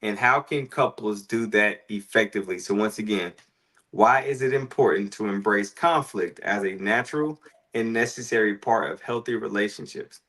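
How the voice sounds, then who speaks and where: A man co-hosting a casual faith and relationship talk show, telling stories with animated restarts. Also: fairly low pitch, normal speed. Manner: animated storytelling, frequent restarts. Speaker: podcast co-host.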